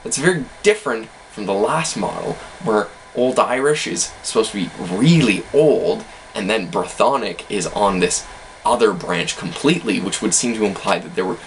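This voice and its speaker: A man's voice: lowish voice, lively intonation, moderate pace, a little hiss or hum, poor audio. A man casually explaining language facts in an educational video, hedging with self-deprecating asides.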